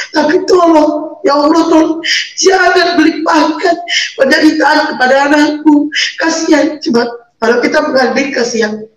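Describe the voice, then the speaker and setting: High-voiced woman in an echoey room. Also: recorded from a distance. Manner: earnest, repeats key words for emphasis. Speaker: interview guest, a convert and single mother. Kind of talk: personal life testimony over a video call. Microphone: video call.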